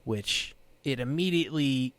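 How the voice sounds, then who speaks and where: A man narrating a tabletop game as game master, describing scenes in an unhurried, halting way with many pauses. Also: mid-range voice.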